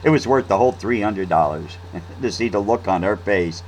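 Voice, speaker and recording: A man's voice: fairly low pitch, moderate pace, a little mellow, slight background noise, poor audio. A man telling a story in a casual, rambling monologue, with restarts and fillers. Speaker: vlog host.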